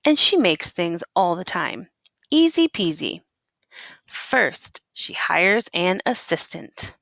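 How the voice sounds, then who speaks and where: Like a teacher with a picture book, a woman reads a children's story aloud unhurriedly, her pitch very expressive and her voice creaky. She dramatically stresses key words and asks her young listeners questions. The recording is close and dry, with no echo.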